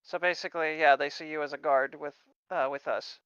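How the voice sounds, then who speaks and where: A man playing in a tabletop game, with dry, wry remarks and a lively way of speaking. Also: fairly high pitch, brisk, smooth, no room sound, lo-fi sound. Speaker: player. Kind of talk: tabletop role-play chat.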